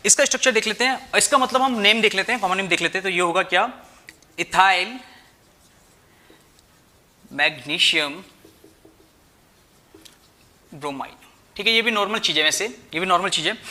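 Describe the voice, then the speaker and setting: A man's voice: sits high, expressive, fairly quick, pauses often, sharp tone. A young man teaching chemistry, mixing Hindi and English, who keeps asking rhetorical questions and checking "theek hai" with his students. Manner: addresses students as "bhai". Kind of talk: explaining at a whiteboard, Hindi-English mix.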